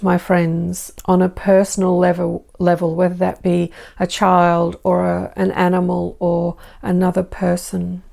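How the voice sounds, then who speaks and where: An Australian woman speaking as a benevolent spirit entity in a channelled spiritual message, slow and formal with repeated phrases. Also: fairly low pitch, vocal fry, dark tone.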